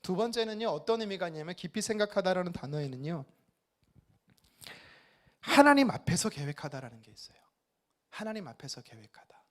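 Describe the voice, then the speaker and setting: A man's voice: sits high, lively intonation, a little fast, long pauses. A male pastor preaching a sermon at a church service, emphatic and often putting questions to the congregation.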